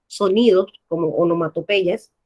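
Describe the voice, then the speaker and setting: A woman teacher with a Panamanian accent explains a language lesson patiently, her voice lowish, a little mellow and moderately paced. She often checks with her class by asking "right?".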